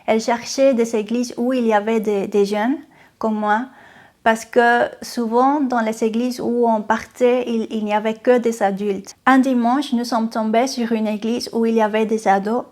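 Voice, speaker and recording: A woman from Venezuela speaks to camera about her personal experience, her Venezuelan Spanish accent clear. The voice is a little high and darkish in tone, with fairly even intonation. She's earnest and unhurried, restarting and hesitating often, as faint music plays.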